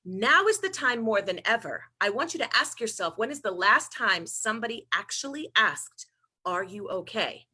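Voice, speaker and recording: A woman's voice: on the high side, very animated, normal speed, few pauses, bright, forceful tone, breathy edge. A woman from New York giving a keynote on a video call, emotional at first and then playful and upbeat, joking in rhymes. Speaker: keynote speaker.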